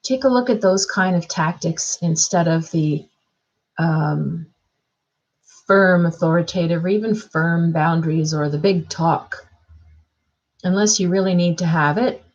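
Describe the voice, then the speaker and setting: A woman's voice: lowish voice, a little slow, lo-fi sound. A woman astrologer talking through a chart reading in a casual, thinking-aloud way, with fillers and restarts.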